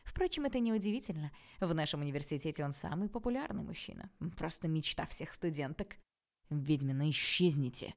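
Mellow-voiced woman reading a novel aloud. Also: deep voice, lively intonation, quick pace, few pauses. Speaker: audiobook narrator. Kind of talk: first-person novel reading.

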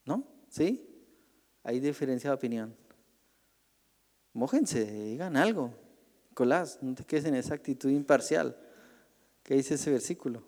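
A man's voice: mid-range voice, lively intonation, measured pace, pauses often, a little mellow, big-room sound. A male pastor teaching a Bible class in a conversational way, asking the group questions and acting out the voices he quotes.

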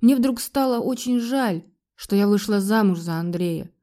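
A woman reading a first-person audiobook story aloud. Her voice is warm and mellow, and her storytelling is steady but emotionally engaged. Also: mid-range voice, normal speed. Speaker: narrator.

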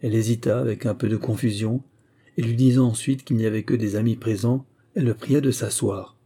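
A man reading a novel aloud in measured scripted narration. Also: medium pitch, steady tone, dark tone, breathy edge. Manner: measured, literary. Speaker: audiobook narrator.

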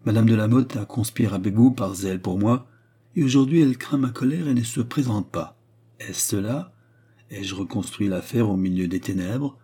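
A haughty queen speaks with imperious impatience, as a man puts her on for an audiobook. The voice is husky and mellow, lifted above the reader's own low register. She presses and demands. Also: normal speed. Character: proud haughty queen, adult woman. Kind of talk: audiobook reading.

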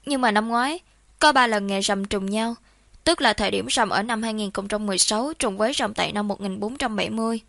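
A woman voicing an anxious young friend in an audiobook, explaining things in a hurried, urgent way. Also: mid-range voice, creaky, fairly bright tone, no room sound, clean studio sound. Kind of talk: audiobook character reading.

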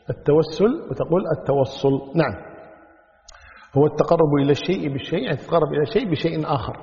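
A man's voice: fairly high pitch, darkish tone. A middle-aged man teaching a religious lesson, telling stories in a colloquial way and checking that listeners follow. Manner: storytelling with colloquial asides, checks understanding. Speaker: religious teacher explaining a creed text. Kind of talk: recorded lecture, teaching a class. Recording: dull lo-fi lecture recording in a reverberant hall.

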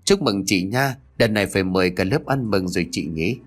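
A man voicing a flattering young schoolgirl sidekick in a read-aloud story. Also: low voice, a little fast.

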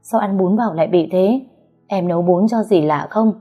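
A woman's voice: medium pitch, moderate pace, warm tone, soft background music, close to an everyday voice. A woman voicing a worried young husband in an audio story. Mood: anxious.

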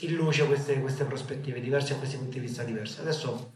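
A man's voice: mid-range voice, a little fast, darkish tone. An Italian man hosting a conference delivers an academic introduction, hesitantly repeating and reformulating as he goes. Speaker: conference host, journal editor. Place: indoor conference room. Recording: very echoey room, faint noise.

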